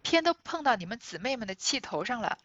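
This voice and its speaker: A woman voicing a flustered married noblewoman who tries to laugh things off and smooth them over. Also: on the high side, very animated, fairly quick, fairly bright tone, dry recording, highs cut off. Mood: placating. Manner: laughing it off, appeasing.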